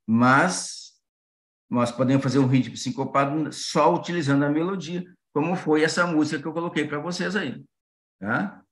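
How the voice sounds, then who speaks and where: A man teaching music in a patient explanatory way, often pausing with fillers and checking that listeners follow. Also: fairly high pitch, fairly bright tone. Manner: sings short melody syllables to demonstrate. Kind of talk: online class explanation. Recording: roomy echo.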